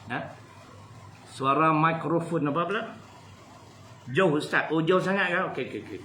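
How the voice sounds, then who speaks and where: A man with a Malaysian Malay accent giving a lively, humorous religious lecture to an audience. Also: a little high, moderate pace, roomy sound, a little hiss or hum, rough recording. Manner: animated, jokey, switches between loud and soft. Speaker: preacher.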